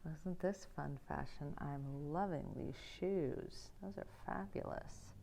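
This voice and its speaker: A woman's voice: low-pitched, takes it slowly, creaky, warm tone, slight background noise, low-quality recording. A middle-aged American woman vlogging a road trip, chatty and upbeat, laughing often. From United States. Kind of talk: casual travel vlog. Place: indoors in a small museum, talking quietly.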